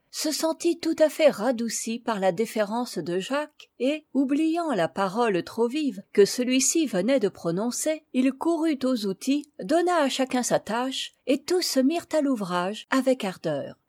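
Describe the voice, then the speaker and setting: A woman's voice: on the high side, expressive, a little slow, darkish tone, no echo. Woman reading a storybook, dry and close. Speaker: audiobook reader. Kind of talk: audiobook narration of a classic children's novel.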